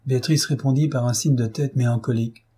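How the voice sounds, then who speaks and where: A man with a French accent narrating a classic novel in an even, measured audiobook reading. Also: mid-range voice, breathy edge.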